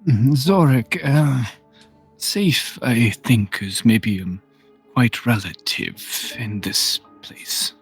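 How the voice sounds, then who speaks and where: A man playing in a tabletop fantasy game, improvising in character with halting, deliberate delivery. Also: mid-range voice, slightly rough, soft background music. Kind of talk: improvised in-character role-play.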